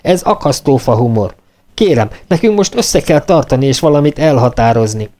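A man's voice: mid-range voice, lively intonation, dark tone, natural voice. A man reading an audiobook, voicing a stern, pompous male legionnaire who speaks formally like a prosecutor. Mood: solemn, indignant. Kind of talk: audiobook character voice.

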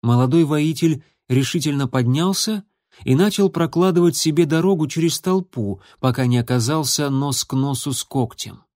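A man narrating an audiobook in an even, measured way. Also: a little high, dry recording, clean studio sound. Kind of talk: scripted narration.

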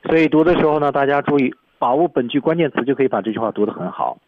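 Racing through a radio English lesson, this man dissects film dialogue line by line, marking stresses and tones. His mid-range voice is expressive, and the studio recording is dry, narrow and tinny.

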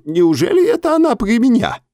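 A man's voice: extremely high pitch, wildly swooping pitch, fairly quick, warm tone, no room sound, studio quality, voice pushed up, exaggerated voice. A man voicing a fussy, easily flustered older male ghost. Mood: bewildered. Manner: flustered, exclaiming.

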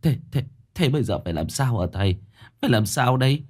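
A man's voice: medium pitch, very animated, a little fast, a little mellow, breathy edge, voice pushed up. A man voicing a frightened middle-aged mother who stammers in a trembling voice. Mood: tearful.

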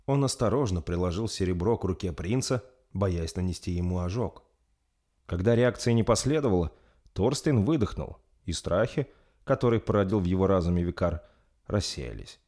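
A man narrating an audiobook story in an even, measured way. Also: deep voice.

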